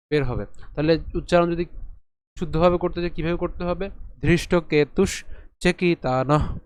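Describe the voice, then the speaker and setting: A man teaching how to pronounce verses, who asks his own questions, answers them, and chants lines slowly, syllable by syllable. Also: on the high side, darkish tone, no echo. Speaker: teacher of Sanskrit verse pronunciation. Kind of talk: recitation lesson.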